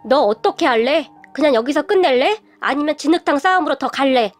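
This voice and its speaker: A stern, middle-aged father in a radio story, slow and coolly threatening, read by a woman narrator. Her high voice barely shifts as she plays him. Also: expressive, soft background music.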